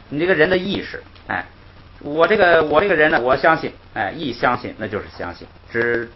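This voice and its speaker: A man teaching a grammar class, explaining patiently, repeating himself and chuckling softly between points. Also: mid-range voice. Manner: patient, repetitive, punctuates with "hey" and soft chuckles. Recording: dull lo-fi recording with faint noise.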